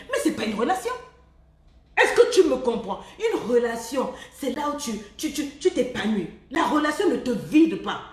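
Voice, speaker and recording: A woman gives love advice in a lively, sermon-like way, laughing often. She slips into quick impressions of others. The sound is roomy and echoing. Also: sits high, recorded from a distance. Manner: animated and preachy, laughing often, mimicking people. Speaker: love coach. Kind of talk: live-streamed motivational talk.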